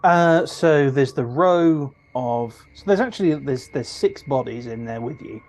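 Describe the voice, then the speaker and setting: A man running a tabletop game as game master, describing scenes in a halting, word-searching way. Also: mid-range voice, animated, darkish tone.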